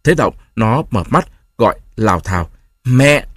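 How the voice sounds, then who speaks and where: Expressive male audiobook narrator. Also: fairly low pitch, moderate pace, husky, no room sound, studio quality.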